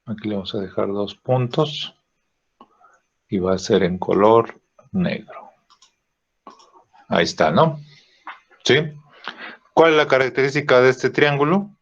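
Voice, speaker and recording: A man teaching a drawing software lesson, thinking aloud with fillers and checking in with "¿sí?" after each step. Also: mid-range voice, animated. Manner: slow, checks in with frequent "¿sí?" and "¿no?"; thinks aloud with "este" fillers while clicking. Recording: dull lo-fi recording.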